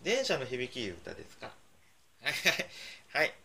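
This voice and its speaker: A man hosting a community radio show, playfully coaxing and teasing a small child in a lively chat. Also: mid-range voice, moderate pace, creaky, background noise. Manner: teasing, coaxing, laughing often. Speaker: radio host.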